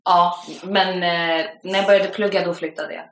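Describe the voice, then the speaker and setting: Young woman guest actress, twenties, low voice, lively slangy anecdotes with English thrown in. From Sweden. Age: 20s. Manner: lively, slangy storytelling with English phrases mixed in. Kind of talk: casual podcast chat. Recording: roomy echo.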